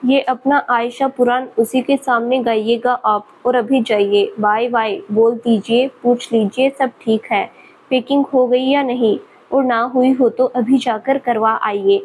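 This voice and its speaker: A woman's voice: a little high, fairly even intonation, a little slow, a little mellow, slight background noise, close to an everyday voice, poor audio. A woman voicing a spirited young female student who pleads and pouts. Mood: pouty. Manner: pleading, pouty.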